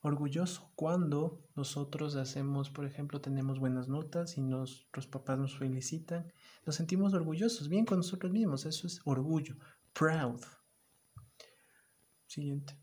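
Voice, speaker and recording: A man's voice: on the high side, moderate pace, darkish tone. A man teaching an online lesson to young children, acting out emotions and repeating the English words emphatically.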